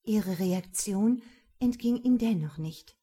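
Female audiobook narrator, husky and mellow, unhurried delivery. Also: mid-range voice. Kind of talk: scripted narration.

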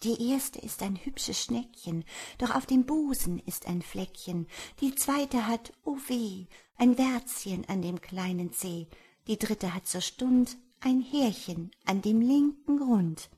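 A woman voicing a tiny, clever female fly in a storybook, speaking softly and half-whispered in a lilting, singsong way. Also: on the high side, expressive, slow, slightly rough, pitched above the performer's own voice, heavily acted. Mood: rhyming. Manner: soft, whispery, singsong rhymes.

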